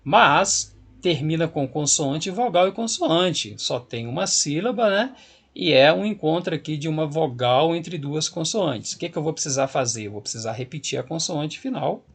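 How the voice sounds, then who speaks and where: A man's voice: fairly high pitch, expressive, moderate pace, breathy edge. A man teaching an English grammar lesson, explaining rules patiently and checking in often with a rising "ok?".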